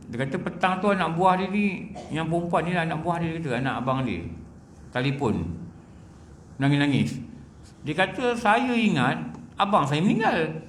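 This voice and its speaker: Malaysian Malay preacher, repeating for emphasis. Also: male voice, a little high, reverberant, slight background noise. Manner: conversational storytelling, repeats phrases for emphasis. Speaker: religious lecturer. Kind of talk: religious lecture.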